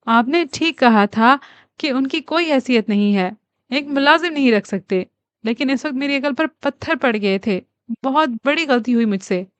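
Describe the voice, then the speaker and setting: A woman reading the part of a selfish, stubborn young wife who talks defiantly and loudly. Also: high voice, animated, smooth, dry recording. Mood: pleading. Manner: pleading then defiant, loud.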